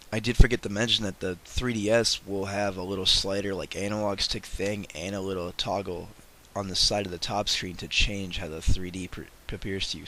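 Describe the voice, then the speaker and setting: Male gaming host, under the weather, low and bright-edged tone, rambling, clears throat often. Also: slight background noise. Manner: chatty and rambling, repeats words, clears throat. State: sick, congested. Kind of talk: casual voice-over recap. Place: off camera, voice-over.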